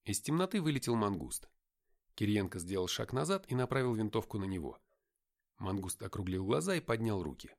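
Expressive male audiobook narrator. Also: fairly low pitch, fairly quick, creaky. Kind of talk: first-person audiobook narration.

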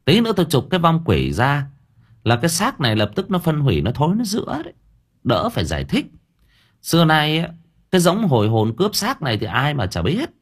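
A man putting on a shrill scolding woman exorcist. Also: wildly swooping pitch, a little fast, slightly rough, exaggerated voice. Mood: bossy. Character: brash middle-aged female exorcist, sharp-tongued.

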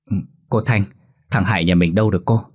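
Storybook part: a desperate village mother, tearful and pleading, read by a man with a low husky voice. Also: fairly even intonation, brisk, a little mellow. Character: frightened village mother searching for her son. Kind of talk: horror story reading.

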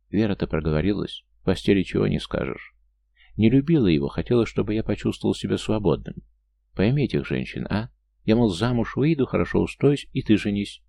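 A man voicing a defensive, brooding middle-aged man in an audiobook, gruff and low. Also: mellow.

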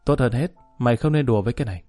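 A man's voice: medium pitch, rapid-fire, warm tone, soft background music, lightly acted. A man reading an earnest worried gangster. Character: earnest young male gangster friend, worried.

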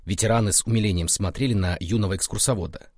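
A man reading a story aloud in a measured, expressive narration. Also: on the low side, no echo, clean studio sound.

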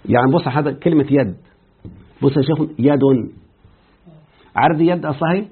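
Egyptian sheikh, quick husky grammar teacher who checks in with students, tinny phone line. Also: male voice, a little high. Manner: quizzing students with repeated checks. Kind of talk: explaining a grammar text to students.

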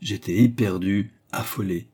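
A man narrating a literary short story as an audiobook reader, in a measured storytelling delivery. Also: on the low side, dark tone, slightly rough.

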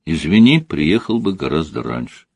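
A man's voice: very deep voice, big pitch swings, moderate pace, creaky, a little mellow, slightly rough, dry recording, exaggerated voice. A man voicing a playful, somewhat awkward young man in a read story, talking in a teasing, offhand way.

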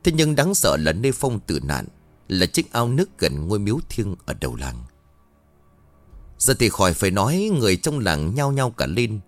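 A man narrating a village horror story with a somber, dramatic delivery. His pitch swings widely as he builds suspense, and soft music plays behind him. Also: dry recording. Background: faint music.

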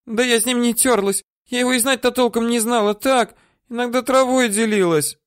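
A man's voice: extremely high pitch, brisk, clear, resonant tone, no echo, clean studio sound, pitched above the performer's own voice. A man voicing a frightened, whimpering woman for an audiobook, her voice whiny, squealing and pleading. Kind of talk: audiobook character voice.

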